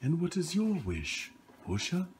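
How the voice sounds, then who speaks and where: A woman voicing a gentle magical unicorn in a children's home play, speaking slowly and formally. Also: low voice, wildly swooping pitch, slight background noise, heavily acted. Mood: solemn. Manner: slow, formal and solemn.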